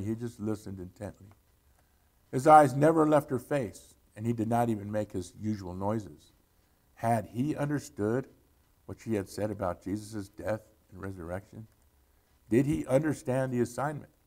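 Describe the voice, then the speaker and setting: A man preaching, reading a story aloud in an unhurried storytelling manner with occasional restarts. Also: on the low side, a little mellow.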